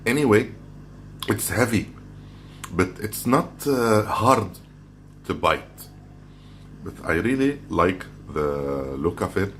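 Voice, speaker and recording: Speaking slowly with long pauses, a deep-voiced man reviews chips in a loose vlog, crunching and handling them as he goes. His tone is expressive and fairly bright. He is not from the Philippines, and the recording has clear background noise.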